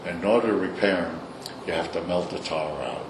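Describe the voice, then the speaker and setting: An older man with a Brooklyn accent tells stories informally in a recorded interview, his voice sitting low and moving a little fast. He's blunt, salty, and opinionated. The room echoes, and background noise is clearly audible.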